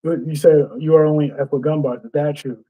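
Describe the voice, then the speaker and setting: A man's voice: on the high side, steady tone, fairly quick, narrow, tinny audio. A man reciting his battle rap verses in rhythm, often restarting lines and muttering to himself when he forgets. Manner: rhythmic recital with frequent restarts and self-corrections. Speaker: battle rapper.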